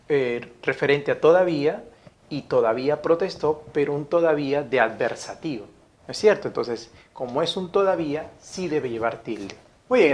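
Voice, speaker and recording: Man teaching slowly, repeating every example. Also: on the high side, darkish tone. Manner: slow, repeats each sentence and checks with "¿no?". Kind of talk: spoken grammar lesson.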